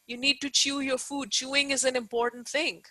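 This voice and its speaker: Bright, higher-voiced woman teaching online. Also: little pitch movement, normal speed, no echo, low-quality recording. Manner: explanatory and emphatic, repeats key points, often checks understanding. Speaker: Ayurveda teacher giving an online lecture. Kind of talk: informal live online lecture with check-in questions.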